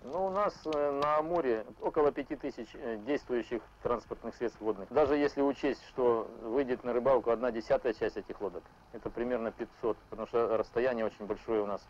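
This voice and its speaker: Fast-talking man, dull documentary sound. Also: medium pitch. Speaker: river patrol officer. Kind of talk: documentary interview. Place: small ship's wheelhouse. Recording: dull sound with faint background noise.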